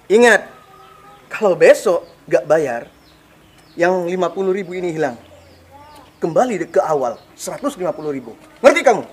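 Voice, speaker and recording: Harsh, belittling shopkeeper neighbor played by a man; husky and high-pitched. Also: lively intonation, normal speed, pauses often. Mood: scolding. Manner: scolding, belittling. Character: harsh scolding male shopkeeper neighbor, rude creditor. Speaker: neighbor shop owner. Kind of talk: web drama acting.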